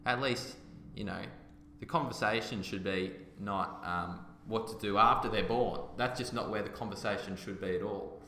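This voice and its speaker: A man's voice: on the low side, normal speed, hardly any pauses, pushed and bright. A man hosting a podcast, talking in an emphatic, argumentative way. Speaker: podcast host. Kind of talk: casual opinion chat. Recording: roomy echoey room.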